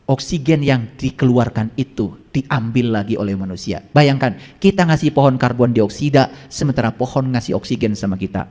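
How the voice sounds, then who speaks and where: A man preaching a sermon to a live audience, quizzing listeners and swinging between high exclamations and low asides. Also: brisk, hardly any pauses, darkish tone. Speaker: Islamic preacher. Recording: long hall reverb.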